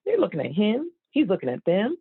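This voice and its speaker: A woman voicing a signed comedy act, telling funny family stories in a lively way with fillers and restarts. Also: medium pitch, fairly quick, breathy edge, no room sound. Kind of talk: interpreted comic storytelling. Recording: tinny, phone-like, dry.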